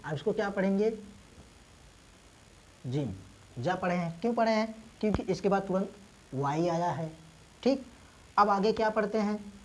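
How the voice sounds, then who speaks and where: A woman teacher who is unwell and coughs now and then, explaining reading rules step by step, spelling letters out slowly and asking and answering her own questions. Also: medium pitch, expressive, a little hiss or hum, low-quality recording. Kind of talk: English reading lesson taught in Hindi.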